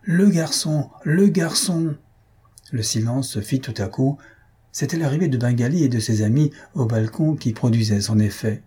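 Male storybook narrator, husky and dark-toned, lively with the shouted lines. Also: a little fast. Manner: lively, raises pitch for shouted crowd lines. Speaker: audiobook reader.

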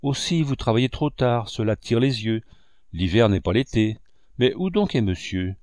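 A man's voice: mid-range voice, animated, normal speed, a little mellow, dry recording, clean studio sound, close to an everyday voice. A man reading a fussing old woman servant.

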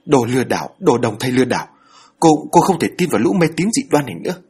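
A man's voice: mid-range voice, sing-song, very fast, a little mellow, husky, voice pushed up. A man voicing a frightened young woman, tearful and panicked. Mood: hysterical.

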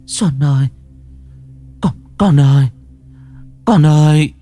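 A man's voice: sits high, slow, faint music behind, voice pushed up. A man voicing a frail old grandmother, weeping. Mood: dying. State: crying.

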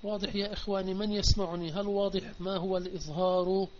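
A man with a fairly high voice gives a methodical online recitation lesson, pausing often to ask his students whether they have followed. The sound is dull and lo-fi, with a faint hiss behind it, as over a voice chat. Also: steady tone, darkish tone. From Palestine. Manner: explains step by step and keeps asking if students understood. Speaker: Islamic teacher. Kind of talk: online tajweed and Quran commentary lesson.

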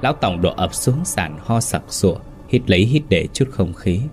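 Deep-voiced man narrating a ghost story. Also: animated, a little mellow. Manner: dramatic, measured storytelling. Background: faint music.

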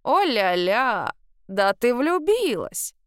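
A woman voicing a grumpy, bossy old great-grandmother in an audiobook, with a gruff, croaking voice and slow, drawn-out scolding words. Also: medium pitch, sing-song, no echo, studio quality. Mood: teasing. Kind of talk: audiobook reading.

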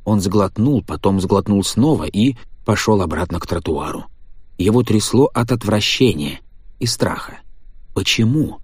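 A man reading a story aloud in a measured, tense narrating voice. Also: lowish voice, animated, a little mellow, husky, no echo. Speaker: audiobook narrator. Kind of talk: scripted narration.

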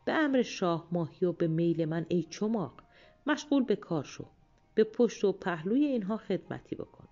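A woman's voice: on the low side, lively intonation, darkish tone, muffled recording, faint music behind. A woman voicing a lazy, cheeky young peasant man, blunt and sluggish, for a storybook. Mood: muttering orders.

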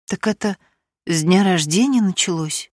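A woman reading an audiobook, voicing a meek, abandoned woman in a subdued, quiet voice. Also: on the low side, normal speed, no room sound, clean studio sound, close to an everyday voice. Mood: dejected.

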